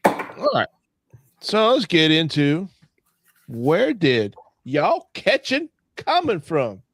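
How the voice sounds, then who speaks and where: A man's voice: a little high, huge pitch swings, takes it slowly, slight background noise. A man with a South Louisiana accent hosting a podcast, who asks loose questions and gives short replies. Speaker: podcast host. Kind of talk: casual chat. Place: podcast studio.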